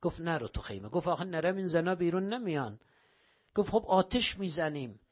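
A man preaching a sermon, telling religious stories dramatically, swinging between raised exclamations and hushed lines. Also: a little high, sing-song.

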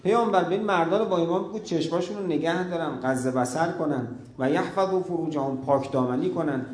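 A man preaching a religious sermon, telling stories with feeling and dropping to a hush at key moments. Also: fairly high pitch, echoey room. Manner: emotive storytelling, drops to a hush at key moments.

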